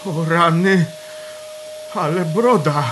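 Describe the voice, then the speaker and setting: A man's voice: a little high, slow, music in the background. An actor playing a hungover, bewildered office man, groggy and stammering, in an audio drama. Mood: groggy, alarmed. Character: hungover, bewildered office man waking after a drinking binge.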